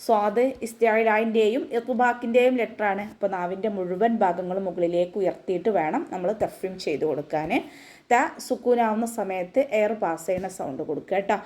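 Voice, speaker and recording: A woman's voice: medium pitch, a little fast, darkish tone. A woman teaching an online recitation class, explaining pronunciation rules step by step in a patient voice.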